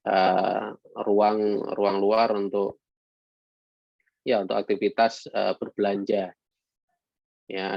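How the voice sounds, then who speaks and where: A man lecturing to students in a halting way, with many fillers and some read-out English phrases. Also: lowish voice, gravelly, no room sound. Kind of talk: online lecture. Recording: dull lo-fi sound.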